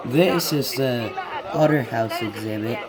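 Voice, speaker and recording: A man with a congested, sick-sounding nose talks very slowly through an unscripted game tour. His delivery is casual and halting, at a medium pitch. A crowd is clearly audible behind him. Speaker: gamer giving a video game tour. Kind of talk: casual rambling game walkthrough.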